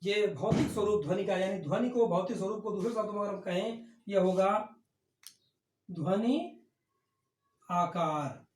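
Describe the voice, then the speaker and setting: A woman's voice: medium pitch, a little slow, pauses often, darkish tone. A woman teaching an online class, explaining terms by asking questions and then answering them herself. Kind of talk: online lecture on Hindi phonetics. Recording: echoey room.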